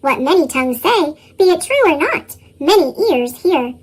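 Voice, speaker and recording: A storybook narrator whose voice is run through a sped-up chipmunk effect, reading a tale aloud with lively chuckles in the dialogue. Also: moderate pace. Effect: sped-up, pitched-up chipmunk voice.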